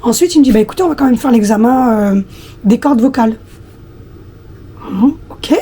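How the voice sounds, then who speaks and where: A woman in her thirties with a husky, slightly hoarse voice, chatting casually to her viewers with many hesitations. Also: a little high, normal speed, warm tone. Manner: hesitant, many fillers, talks directly to viewers. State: hoarse after flu, coughing. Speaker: lifestyle vlogger.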